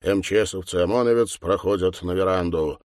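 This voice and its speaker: A man reads an audiobook in a measured, matter-of-fact tone. His voice is on the low side. The recording is dry and close, with no room sound. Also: a little mellow, dry recording. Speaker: narrator. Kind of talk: audiobook narration.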